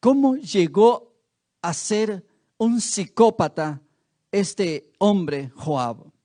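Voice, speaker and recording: A male preacher with a high, very lively voice delivers a sermon in a church. He speaks slowly and tells the story dramatically. He often turns to the congregation with rhetorical questions.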